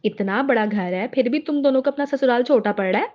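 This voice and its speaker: A woman's voice: on the high side, brisk, dull audio, lightly acted. A woman voicing a stern, irritable older mother-in-law who grumbles and scolds in a cartoon drama. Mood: scolding. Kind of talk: Hindi cartoon drama voice acting.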